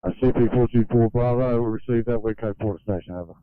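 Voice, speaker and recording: An Australian fire crew member calling in over a two-way radio with static bursts, terse and clipped in radio call procedure. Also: male voice, medium pitch, fast talker, clear, resonant tone, no echo. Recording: narrow tinny radio transmission.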